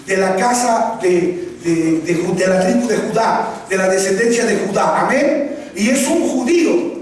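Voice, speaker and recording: A man preaching a sermon, quizzing the congregation and having them repeat his words. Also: extremely high pitch. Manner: questioning the congregation, calls for repetition. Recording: echoey hall, voice from far off, faint ambience.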